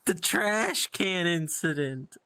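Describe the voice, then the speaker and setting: A man's voice: high voice, lively intonation, slow, crowd noise. A young man on a stream chatting with a friend, joking around and pleading with him. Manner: pleading, playful insults. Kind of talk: casual stream chat.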